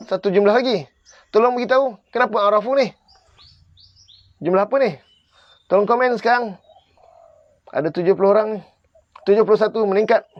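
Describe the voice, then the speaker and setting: A man's voice: high-pitched, dry recording, dull audio. A man with a Malaysian Malay accent teaching Arabic grammar in a live online class, quizzing viewers and pressing them to comment and answer.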